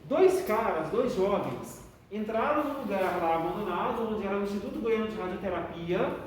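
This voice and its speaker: A woman's voice: medium pitch, lively intonation, normal speed. A woman teaching a class, explaining patiently and often checking in with the students. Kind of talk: classroom lesson. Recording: echoey room, distant mic, faint noise.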